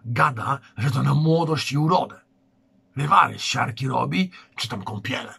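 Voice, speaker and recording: Man reading as a scared pale youth, hushed and fearful, gravelly voice. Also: mid-range voice, expressive, normal speed, full character voice. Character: frightened pale youth, telling of a witch.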